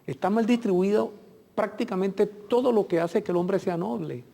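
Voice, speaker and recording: A man's voice: high voice, moderate pace, vocal fry, mellow. A middle-aged man from Venezuela, a consular guest on a TV interview, speaking earnestly in long reflective lists. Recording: long hall reverb.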